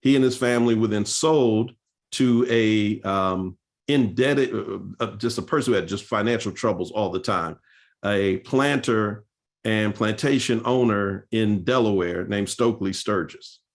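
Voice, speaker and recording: A man's voice: fairly low pitch, measured pace. A male pastor speaking at a seminar, telling church history in an earnest, storytelling way with frequent fillers and restarts.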